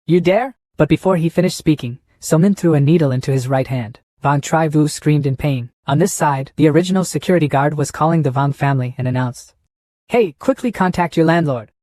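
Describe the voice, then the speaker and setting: A man's voice: on the high side, a little fast, hardly any pauses, a little mellow, no echo, studio quality. Man narrating a story recap.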